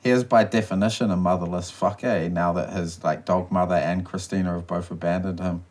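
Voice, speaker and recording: A man's voice: deep voice, fairly even intonation, a little fast, a little mellow. A man co-hosting a casual podcast, rambling through stories and swearing freely over a beer. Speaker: podcast co-host. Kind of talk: casual chat.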